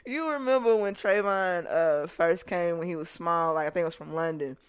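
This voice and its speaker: A woman hosting a podcast, telling childhood stories in a casual, animated way and laughing often. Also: fairly low pitch, normal speed, smooth. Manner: animated, joking storytelling with lots of laughter. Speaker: podcast host. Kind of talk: casual chat, reminiscing.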